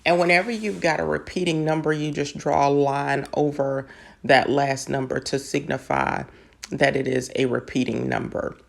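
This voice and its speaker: A woman's voice: low-pitched, vocal fry. A woman patiently explaining math step by step in an online lesson. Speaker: math teacher.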